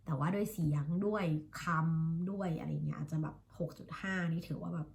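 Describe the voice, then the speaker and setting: A Thai woman in her thirties, an English teacher, talking casually about her studies and slowly drilling the pronunciation of English words. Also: sits low, creaky, darkish tone. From Thailand. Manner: chatty, self-reflective, drills words slowly by repeating them. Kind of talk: casual vlog-style lesson.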